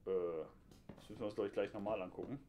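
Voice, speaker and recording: A man's voice: fairly low pitch, level tone, very fast, dark tone, a little hiss or hum. A man giving casual, joking running commentary while playing a horror game, recorded at home on a headset. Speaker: gameplay commentator. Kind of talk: casual let's-play chat.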